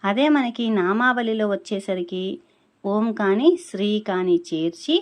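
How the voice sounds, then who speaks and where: Female chant teacher, mid-range voice, patient and deliberate, stretches syllables to demonstrate. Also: mid-range voice. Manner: slow, carefully drawn-out syllables when demonstrating; patient explaining tone. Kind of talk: spoken lesson on pronouncing a chant.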